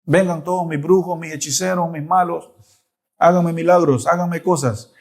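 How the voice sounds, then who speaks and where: A man's voice: a little high, steady tone, moderate pace, darkish tone. A man voicing a proud, mocking Egyptian king in a retold Bible story. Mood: scornful. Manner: scornful, mocking laughter.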